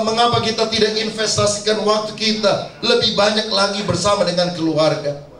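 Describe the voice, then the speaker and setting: A man's voice: high-pitched, fairly bright tone. A male pastor preaching a sermon and telling a story, addressing the congregation directly. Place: church sanctuary. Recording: echoey church hall, mic far off.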